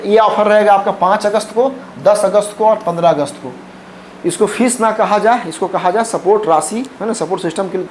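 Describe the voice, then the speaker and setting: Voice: mid-range voice, a little mellow, slight background noise. An exam coaching teacher giving a casual spoken announcement to students in a chatty, persuasive way, repeating points and checking in with "okay?".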